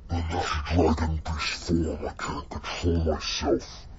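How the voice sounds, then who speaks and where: A man voicing a brooding boy turned dragon beast, gravelly, ominous and dramatic, in a homemade fantasy story. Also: extremely low pitch, level tone, takes it slowly, muffled recording, pitched below the performer's own voice. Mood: menacing. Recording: noisy homemade recording.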